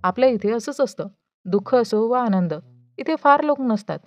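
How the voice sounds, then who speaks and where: A woman's voice: on the high side, animated, normal speed, a little mellow, dry recording, faint music behind, lightly acted. A woman reading as a confiding housemaid. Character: kindly female housemaid, gossipy and warm.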